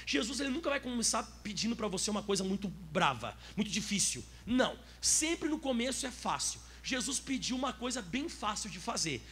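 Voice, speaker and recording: A man with a Brazilian Portuguese accent preaching a sermon as pastor, lively and asking the audience questions. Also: high voice.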